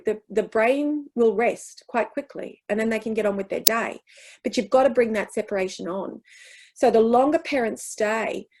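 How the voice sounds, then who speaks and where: A woman's voice: medium pitch, darkish tone, slightly rough, low-quality recording. Earnest woman presenting a workshop. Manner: earnest, reassuring, emphatic with restarts. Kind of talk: workshop talk answering questions.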